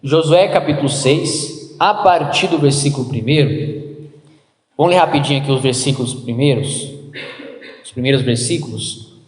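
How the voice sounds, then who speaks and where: A man preaching a sermon as pastor, animated, acting out little dialogues in playful voices. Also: mid-range voice, moderate pace. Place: church. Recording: echoey church hall.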